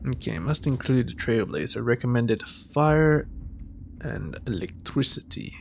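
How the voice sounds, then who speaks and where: A man's voice: medium pitch, expressive, a little slow, creaky, slight background noise. Australian man reading a game aloud. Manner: casual, muttering asides. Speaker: gamer playing through a game. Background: game music.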